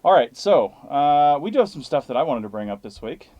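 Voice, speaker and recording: A man's voice: fairly high pitch, very animated, a little fast, no room sound, muffled recording. A man hosting a casual live podcast, chatting in a blunt, matter-of-fact way over hissy, static-laden audio. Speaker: podcast host.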